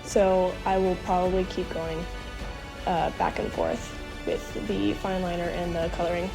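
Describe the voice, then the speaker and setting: Stuffy from being sick, a young woman with a fairly low voice and vocal fry talks a little slowly about her coloring, with music in the background on a low-quality recording. This art channel host rambles in a relaxed way with many ums, speaking at home indoors, first into the camera mic and then in voiceover.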